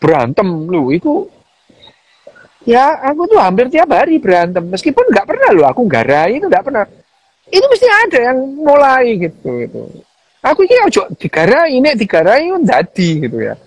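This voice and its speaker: Animated man, lively pitch. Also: normal speed, no room sound, low-quality recording. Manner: animated, mixing Javanese phrases, repeats "gitu". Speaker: neuroscientist guest on a live chat. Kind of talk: casual livestream chat.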